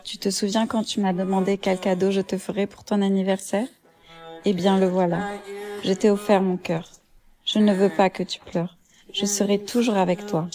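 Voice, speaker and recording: Woman voicing a gentle loving mother. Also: medium pitch, little pitch movement, moderate pace, lightly acted. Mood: tender. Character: tender loving mother of a teenage daughter.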